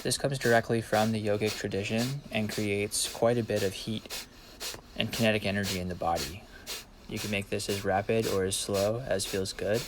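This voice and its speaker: A man giving measured, explanatory instruction in a voice-over about practice and technique. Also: lowish voice, steady tone, noisy background. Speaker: breathwork and ice bath practitioner giving instruction.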